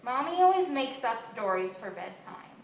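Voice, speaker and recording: A woman's voice: fairly high pitch, sing-song, normal speed, slight background noise. A young woman acting a small girl in a school stage play, talking in a childlike, matter-of-fact way. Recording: dull, distant, echoey stage.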